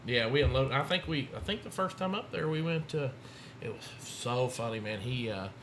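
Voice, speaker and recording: A man's voice: mid-range voice, expressive, normal speed, noisy background. A man telling rambling racing stories in a casual chat and acting out what other people said. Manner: rambling storyteller, acts out other people's lines. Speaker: guest.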